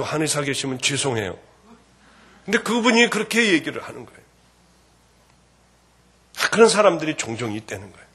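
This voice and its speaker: Husky man giving fervent testimony. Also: fairly high pitch. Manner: fervent, swinging between hushed and loud. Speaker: church testimony speaker. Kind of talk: emotional spoken testimony.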